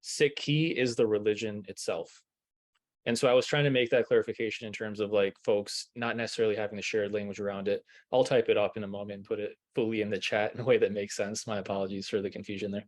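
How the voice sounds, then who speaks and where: Man, low voice, relaxed workshop presenter on a video call, lots of "um"s and "you know"s. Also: fast talker. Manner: relaxed, filler-heavy, conversational.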